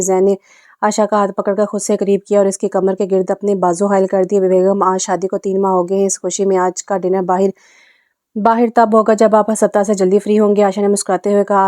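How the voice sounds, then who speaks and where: Woman, novel narration, steady reading, dark tone, dry close recording. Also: mid-range voice, no echo. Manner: even, steady reading with small slips and restarts; voices every character in her own voice. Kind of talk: reading an Urdu romance novel aloud.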